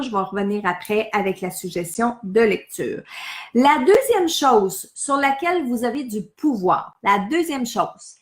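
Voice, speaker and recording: Québécois lady doing a live talk for her viewers, higher voice, asks lots of questions, echoey room. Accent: Québécois French. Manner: animated, asks viewers questions, acts out inner phrases. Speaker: medium giving a live talk. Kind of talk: casual motivational talk to viewers.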